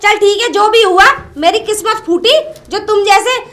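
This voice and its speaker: A woman playing a shrill bossy elder wife. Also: normal speed. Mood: scolding. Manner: scolding, taunting, domineering. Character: bossy jealous elder wife, sharp-tongued. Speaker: elder wife in a comedy skit.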